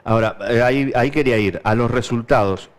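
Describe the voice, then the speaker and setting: A man's voice: mid-range voice, fairly quick. A man interviewing conversationally, rephrasing and interjecting to clarify.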